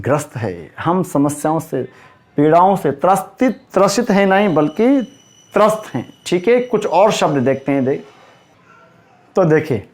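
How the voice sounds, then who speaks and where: Slow, emphatic high-voiced male teacher. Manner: emphatic, repeats correct word forms slowly; addresses students directly, asks and answers himself. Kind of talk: spoken Hindi grammar lesson.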